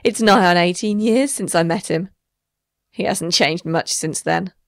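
A haggard, bitter woman of the streets, as a male reader puts her on, her voice pushed far up in pitch and loud. She sneers and whines in a dry, close sound. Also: a little slow, gravelly, dry recording, full character voice. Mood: bitter pleading. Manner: hissing, sneering, whining.

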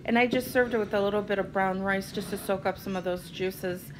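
Speaking a little fast with a steady, medium-pitched voice, a cooking vlogger walks through each step in her home kitchen against a noisy background. Her casual cook-along narration is friendly and plain, with fillers.

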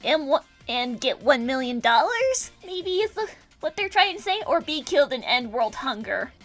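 A woman's voice: sits high, very animated, normal speed, fairly bright tone, faint music behind, exaggerated voice. A woman voicing a cheeky, innocent little boy cartoon bee, childlike and eager, in improvised banter. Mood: chatty, reluctant. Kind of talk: improvised in-character gaming banter.

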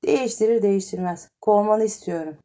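A woman voicing a demanding, sharp-tongued wealthy wife who insists and scolds in an audiobook story. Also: mid-range voice, brisk, lightly acted. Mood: insistent.

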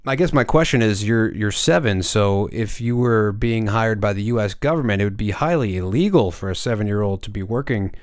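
Male podcast host, deadpan and hesitant, dry sound. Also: fairly low pitch, a little fast, few pauses, dry recording. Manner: deadpan, hesitant with many fillers. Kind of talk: mock-serious comedy interview. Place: studio.

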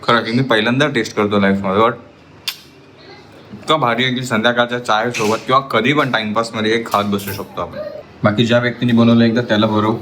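A man's voice: mid-range voice, fairly even intonation, brisk, a bit bright, slight background noise. A man in his thirties filming a casual family vlog at home, animatedly coaxing and teasing his little daughter. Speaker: family vlogger, father.

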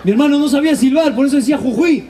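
Lively comedian with a high, mellow voice. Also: male voice, racing, some chatter behind, a little hiss or hum. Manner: animated storytelling, acts out family voices. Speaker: stand-up comedian. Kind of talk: stand-up comedy monologue. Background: audience laughter.

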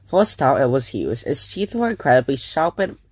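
A man reading a children's book aloud in a plain, steady storytelling voice. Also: medium pitch, normal speed, husky, dry recording. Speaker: reader.

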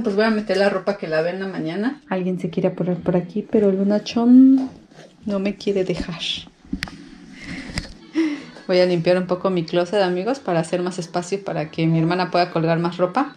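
A woman's voice: lowish voice, a little mellow. A young woman from Mexico with a Mexican accent, talking casually to her viewers in a home vlog and keeping them in on her chores. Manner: chatty, keeps calling viewers "friends". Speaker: vlogger and mother. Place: home, indoors.

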